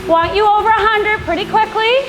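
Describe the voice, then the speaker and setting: A woman's voice: extremely high pitch, fairly even intonation, fairly quick. A woman indoor cycling coach leading a workout with encouraging, projected cues and countdowns. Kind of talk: workout class instruction with countdowns. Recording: echoey room with music playing. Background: workout music.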